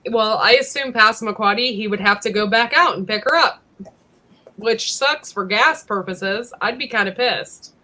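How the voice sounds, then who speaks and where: A woman's voice: fairly high pitch, moderate pace, bright, forceful tone. A woman chatting casually on a livestream and telling friendly stories.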